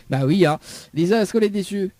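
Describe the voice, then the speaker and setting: High-voiced teasing radio host with a Réunion accent. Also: male voice, dark tone, dry recording. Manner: teasing, joking, laughs often. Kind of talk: live call-in radio game.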